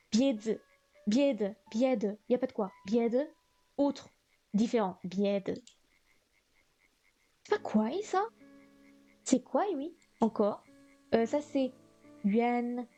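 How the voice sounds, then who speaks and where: Slow, higher-voiced woman revising flashcards aloud. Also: dark tone. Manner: thinks aloud, corrects herself often. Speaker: streamer studying Chinese vocabulary. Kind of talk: live-stream study session.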